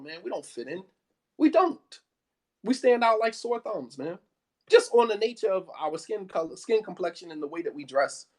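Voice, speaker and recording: An American man, an Islamic studies teacher, giving an impassioned, emphatic talk that keeps repeating his points and asking if you follow. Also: high-pitched. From United States. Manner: emphatic, repetitive, peppered with 'you know what I mean'.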